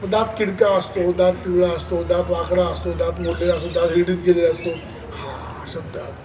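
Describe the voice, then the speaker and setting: A man with a very high voice gives a public talk to parents at a school. He tells stories in a lively way and acts out the voices of parents and children. The mic sits far from him, and clear background noise runs under his voice. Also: moderate pace. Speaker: education speaker. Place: school hall.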